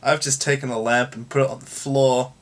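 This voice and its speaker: A man vlogging at home, telling a story in a sarcastic, jokey, lively way. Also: mid-range voice, fairly quick. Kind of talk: casual comedic storytelling. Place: at home, indoor room.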